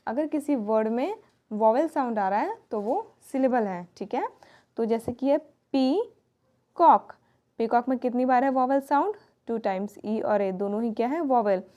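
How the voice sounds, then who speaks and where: A woman's voice: a little high, dark tone, highs cut off. A woman teacher explaining a children's lesson, spelling words out letter by letter. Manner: reads English lines slowly, spells words letter by letter.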